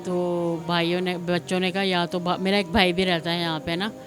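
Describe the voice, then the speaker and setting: A middle-aged woman with a Pakistani accent rambles through a spontaneous account of her own life, repeating herself and retelling conversations. Her voice is lowish and level at a moderate pace, with music laid underneath.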